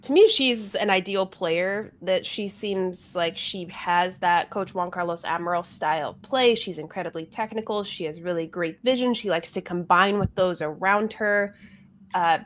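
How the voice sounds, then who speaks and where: A woman co-hosting a sports podcast, thoughtful and quick to laugh, on a video call. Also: medium pitch. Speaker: co-host, soccer analyst.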